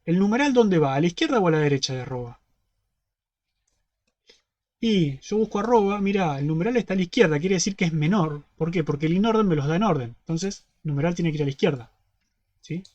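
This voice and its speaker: A man's voice: a little high, expressive, brisk, a little mellow, highs cut off. A man with a Rioplatense Spanish accent teaching an online class. He explains step by step and keeps checking that students follow. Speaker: university teaching assistant.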